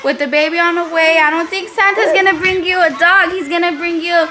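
A young woman speaks in a high-pitched voice with a bright, forward edge. She talks informally to the camera as a family vlogger and mother. The sound is that of a phone held at arm's length. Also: fairly even intonation, fairly quick. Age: young adult. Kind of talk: casual chat to camera. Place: home living room, later inside a car at night.

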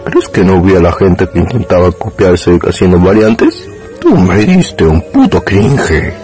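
A man voicing a slow, menacing Mario villain. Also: sits low, sing-song. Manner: threatening, contemptuous. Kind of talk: meme voice acting. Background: loud game music.

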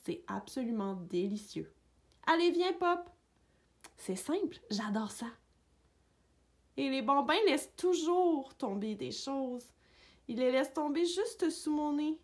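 Brief: woman with a fairly high voice, reading a children's picture book slowly and gently. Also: lively intonation. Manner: gentle, unhurried storytelling for young children. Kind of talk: read-aloud storybook narration.

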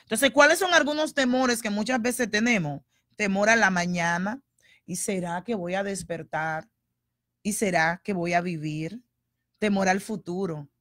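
A woman pastor teaching a sermon in a conversational, animated way, acting out the voices she quotes. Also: medium pitch, unhurried, dry recording, clean studio sound.

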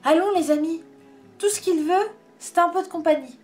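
A woman's voice: extremely high pitch, normal speed, darkish tone, voice pushed up. A woman voicing a caring female emu-giraffe creature who speaks earnestly and insistently. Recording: faint background music.

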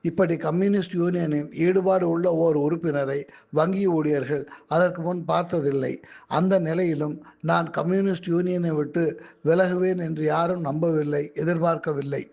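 A man reading his own magazine articles aloud in a measured, careful way. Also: on the high side, gravelly, darkish tone, lo-fi sound.

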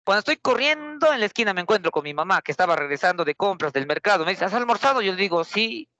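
A young man teaching a class, his voice pitched high and sounding bright and sharp, very close and dry. He speaks with a Peruvian accent and tells an anecdote in a lively, chatty way, often stopping to put rhetorical questions to his students. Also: very fast, no room sound, dull audio. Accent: Peruvian Spanish.

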